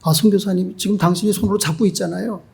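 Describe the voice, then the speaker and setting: A man's voice: high voice, steady tone, fast talker, gravelly, darkish tone. A pastor acting out an irritable, despairing man on a train who snaps back in exasperation. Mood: irritated. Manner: snapping and exasperated.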